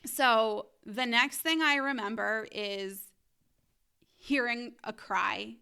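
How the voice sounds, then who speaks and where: Bright, clear-voiced woman telling a story. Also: fairly high pitch, slow pace. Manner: animated storytelling, acting out quotes. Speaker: guest telling her birth story. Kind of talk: casual podcast chat.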